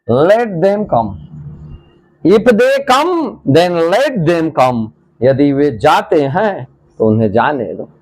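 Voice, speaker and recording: Male English tutor, Indian accent, high-pitched and very unhurried, repeats lines for learners. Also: darkish tone, low-quality recording. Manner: repeats phrases slowly, drawn out, asks learners questions. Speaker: English teacher. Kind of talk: slow classroom explanation.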